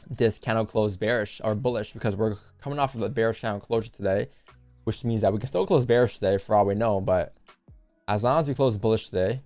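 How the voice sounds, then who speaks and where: A young man hosts a live trading stream, walking through charts while chatting casually and jokingly with his viewers. His voice is lowish with a darkish tone.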